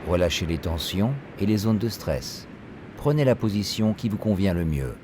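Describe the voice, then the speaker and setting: A man reading a scripted guided meditation, giving calm, measured instructions. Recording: steady rumbling noise behind voice. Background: ocean wave sounds.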